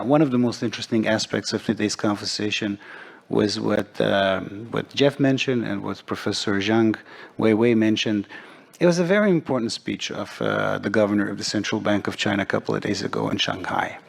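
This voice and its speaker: A middle-aged man from Serbia speaking as a forum panelist, measured and deliberate, with frequent pauses. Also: lowish voice, animated, vocal fry. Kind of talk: panel discussion remarks.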